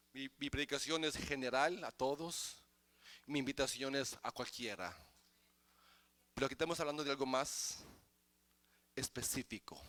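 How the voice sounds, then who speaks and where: A male pastor preaching a sermon in church, moving from quiet explanation to loud, chanted exhortation. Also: medium pitch, no echo. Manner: starts quiet and builds to shouting, chanted preaching.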